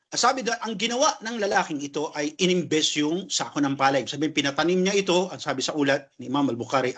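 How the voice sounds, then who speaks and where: Guy teaching an islamic class, kinda high voice, keeps saying "no?" and explaining words. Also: fairly bright tone. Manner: explains terms, tags sentences with "no?". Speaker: Islamic lecturer. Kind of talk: religious class lecture.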